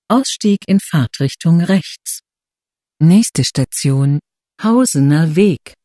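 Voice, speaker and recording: Slow, bright subway announcement voice. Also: mid-range voice, no echo, clean studio sound. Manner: formal, measured, segmented phrasing. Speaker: transit announcer. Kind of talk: subway announcement, scripted station stops and transfers.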